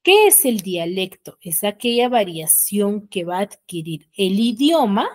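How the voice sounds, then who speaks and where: A woman's voice: medium pitch, very animated, a little slow. A woman teacher with a Peruvian Spanish accent, giving an online school lesson in an explanatory way and often ending phrases with tag questions, recorded on a computer mic. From Peru. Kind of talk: online class lecture.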